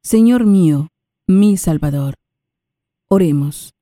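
A woman reading prayers, scripture and a psalm aloud in a measured, reverent way. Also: on the low side, lively intonation, warm tone, no room sound. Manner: measured, reverent, unhurried phrasing. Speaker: liturgical reader. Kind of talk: slow solemn scripture reading.

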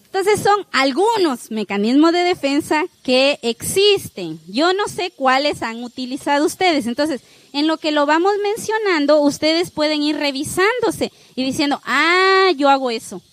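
High-pitched lady teacher, keeps going "¿sí?", talking right to the class, dry close sound. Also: expressive, a little slow, dry recording, poor audio. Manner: checks in with the listeners by asking "¿sí?" over and over; speaks straight to the audience with warm, coaching encouragement. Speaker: teacher leading an online class. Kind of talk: instructive talk to a class with a spiritual close.

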